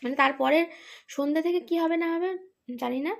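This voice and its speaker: A woman's voice: high voice, fairly quick, vocal fry. A woman, tired, rambling through an exasperated casual vlog monologue with many fillers. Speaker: vlogger, daughter caring for her ill father.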